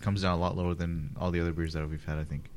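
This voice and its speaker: Brief: Texan male co-host, deep voice, relaxed banter, faint background hum. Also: very fast. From Texas. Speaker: podcast co-host. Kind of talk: casual beer-tasting chat.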